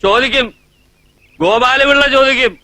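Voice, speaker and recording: A man's voice: very high voice, normal speed, sharp tone, no echo. An actor playing a tipsy, blustering older man who is a proud father-in-law in a film scene. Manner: drunken and blustering. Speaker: drunk uncle.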